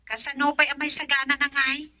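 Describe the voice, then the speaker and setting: In an Ilocano radio drama, a woman voices a heartsick young daughter torn over love, using a high, very bright voice at a fairly quick pace. She shifts emotionally from soft sighs to loud pleading, though her delivery stays completely flat.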